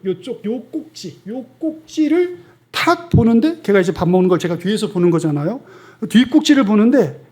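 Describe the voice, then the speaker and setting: High-voiced male pastor, conversational. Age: middle-aged. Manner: conversational, often asking the congregation questions; drops to soft near-whispers for tender lines. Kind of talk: sermon. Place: church sanctuary.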